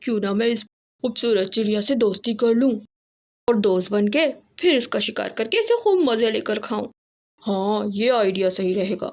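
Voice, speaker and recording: A woman's voice: medium pitch, lively intonation, normal speed, darkish tone, voice pushed down, close to an everyday voice. Woman doing a cackling villain hawk. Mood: scheming. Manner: gloating, cackling ho-ho laugh. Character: sly scheming male hawk, villain.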